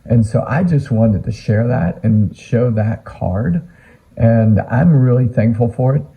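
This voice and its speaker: A man with a raspy, worn-out voice, hoarse from a week of teaching, chatting casually and earnestly to camera with lots of ums as he talks about his card collection. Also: medium pitch, measured pace, dark tone. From Atlanta, United States. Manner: rambling, earnest, many ums. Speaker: sports card collecting YouTuber. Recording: phone-like narrow sound.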